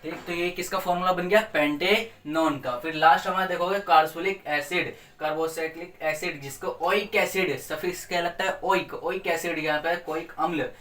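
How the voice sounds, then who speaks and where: A male teacher runs a chemistry revision in a slightly higher voice, playful and quizzing the class as he answers his own questions. His sound carries the echo of a roomy space and comes from a few steps away from the mic. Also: fairly even intonation, normal speed, hardly any pauses, fairly bright tone. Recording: echoey room, mic at a distance.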